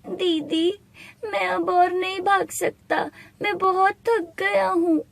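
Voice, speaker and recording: A woman's voice: very high-pitched, takes it slowly, creaky, no echo, voice pushed up, full character voice. A woman voicing a tired, frightened young orphan boy who talks in a tearful, pleading way. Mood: exhausted.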